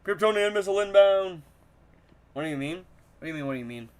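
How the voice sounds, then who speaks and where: A young male streamer plays a video game and races through excitable, joking commentary aimed at his chat. His voice sits in the mid range.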